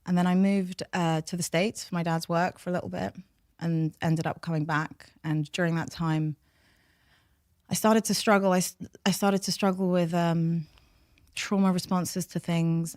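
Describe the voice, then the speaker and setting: A behaviour change scientist appears as a podcast guest, a woman with a London accent whose first language was Farsi. Her voice sits low, and she tells candid stories frankly and reflectively in a steady flow of long sentences. The studio-quality recording has no echo.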